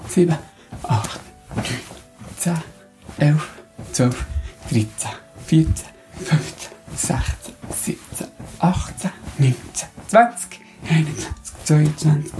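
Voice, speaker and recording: A man with a Swiss German accent gives casual exercise instruction. His medium-pitched voice has a lot of fry, and faint music plays behind his plain, informal delivery. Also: darkish tone. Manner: plain, informal, counting aloud.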